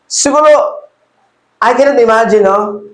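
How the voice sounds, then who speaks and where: High-voiced pastor preaching. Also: male voice, echoey room, rough recording. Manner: mixes Tagalog and English, reads Bible verses slowly; rises and grows louder when exhorting. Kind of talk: sermon. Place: church hall.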